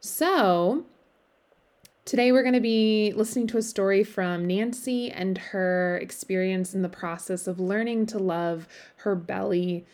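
A woman's voice: mid-range voice, darkish tone. A woman introducing a guest on her podcast in a friendly, conversational way. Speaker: podcast host.

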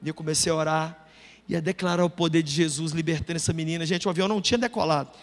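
Animated male pastor in a reverberant hall. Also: on the high side, racing. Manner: animated storytelling, voices quotes, bursts of loud emphasis. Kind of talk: sermon testimony.

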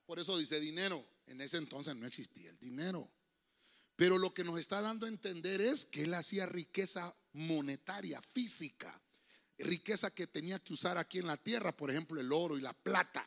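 A man's voice: sits high, creaky, bright, forceful tone, in a large hall. A middle-aged man, a pastor with a Honduran Spanish accent, preaching a sermon and calling out to his congregation. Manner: preachy and emphatic, calls out to the congregation. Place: church hall.

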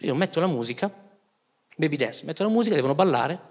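A man in his thirties, a comedian telling funny stories in an animated, exasperated way and laughing through his punchlines. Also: a little high, fast. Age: 30s. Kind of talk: comic storytelling.

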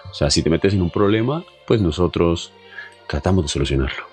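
Deep-voiced Colombian man telling stories. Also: fairly quick, faint music behind. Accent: Colombian Spanish. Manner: animated, chatty, fond of asides and fillers. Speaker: traveler telling his story. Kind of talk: casual storytelling.

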